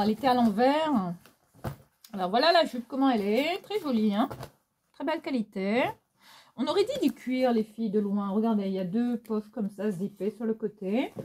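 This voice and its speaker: A woman's voice: a little high, a little mellow, a little hiss or hum. A woman with a Réunionese French accent chatting casually in a fashion haul vlog, theatrical and full of laughs and fillers. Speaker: fashion vlogger. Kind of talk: casual haul chat to viewers.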